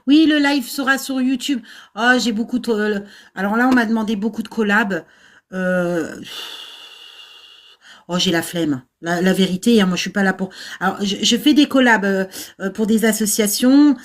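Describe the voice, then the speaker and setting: A middle-aged nursing-assistant VAE coach chats casually with her livestream viewers from an old house with no air conditioning. She laughs often, mocks herself, and hesitates, speaking at medium pitch and normal speed.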